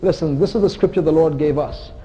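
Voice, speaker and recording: A man preaching to a congregation, his voice set a little high but mellow and soft in tone. He speaks earnestly and with emphasis, dropping in playful jokes, and a faint hiss sits under the sound. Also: fairly quick, muffled recording. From India. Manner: earnest and emphatic, with joking asides. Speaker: visiting missionary preacher. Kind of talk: sermon to a congregation. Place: church sanctuary.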